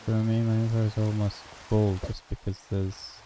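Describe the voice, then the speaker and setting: A young man casually commenting on his live game stream, rambling and thinking aloud with excitable bursts. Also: fairly low pitch, brisk, music in the background, low-quality recording.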